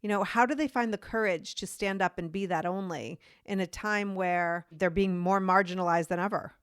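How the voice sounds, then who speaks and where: Female podcast host, smooth and clear, encouraging and supportive, dry close recording. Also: medium pitch, normal speed, no room sound. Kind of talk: interview conversation.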